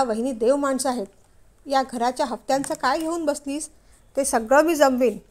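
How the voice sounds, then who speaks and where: A loud, stern middle-aged husband scolding his wife, as a woman narrator puts him on. The voice sits high and carries rebuke in every line. It belongs to a spoken storybook. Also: natural voice.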